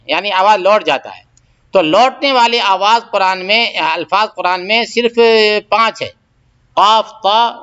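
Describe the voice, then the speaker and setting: A man's voice: high-pitched, bright, forceful tone. A man teaching Quran recitation, drilling pronunciation by repeating syllables and checking that learners follow. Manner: asks learners to check understanding. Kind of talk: recitation lesson. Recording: dull lo-fi audio.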